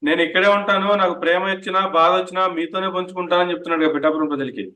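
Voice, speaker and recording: A man acts as interviewer, throwing pointed counter-claims at his guest. He speaks quickly in a slightly raised voice. He sounds somewhat distant from the microphone. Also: sits high, fairly even intonation, pushed and bright. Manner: brief prompts and pointed challenges. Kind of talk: political interview questioning. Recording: voice heard from off-mic.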